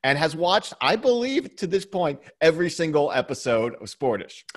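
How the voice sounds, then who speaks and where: A man's voice: a little high, sing-song, normal speed. A man co-hosting a podcast from his home basement studio, chatting casually and rambling with restarts and chuckles. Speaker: podcast co-host. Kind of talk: casual chat.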